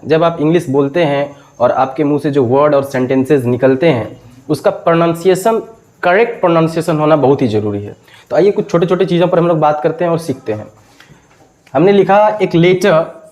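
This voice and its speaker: A man's voice: fairly high pitch, darkish tone, rough recording. A man teaching pronunciation in a video lecture, explaining step by step and asking and answering his own questions. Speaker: English teacher.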